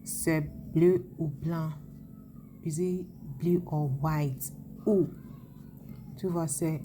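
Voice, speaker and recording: A woman teaching a French lesson, spelling out sounds and repeating examples slowly. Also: deep voice, warm tone, slight background noise. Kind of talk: language lesson.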